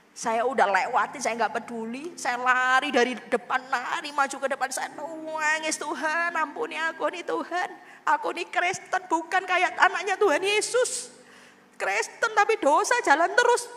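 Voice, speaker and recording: High-voiced woman preaching in a hall. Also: a bit bright. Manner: emotional storytelling, addressing the congregation directly. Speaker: pastor. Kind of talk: sermon.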